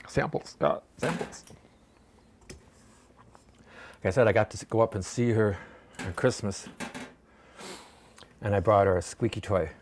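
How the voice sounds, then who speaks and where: A man's voice: on the low side, darkish tone, a little hiss or hum. Chatty man demonstrating a recipe at home. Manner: chatty, rambling, folksy. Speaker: home cooking vlogger.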